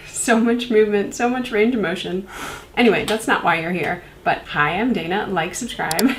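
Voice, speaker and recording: A woman's voice: medium pitch, moderate pace, roomy sound, crowd noise, rough recording. A young woman with a congested voice from a cold, chatting casually and rambling with many fillers as she reviews skincare. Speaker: beauty reviewer. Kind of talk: casual product review vlog.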